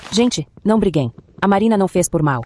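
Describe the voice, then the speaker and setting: A woman's voice: medium pitch, animated, fairly quick, warm tone, lightly acted. A woman voicing a sweet-talking, manipulative young woman who sounds innocent but hides barbs. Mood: sugary. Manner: sugary, with hidden barbs.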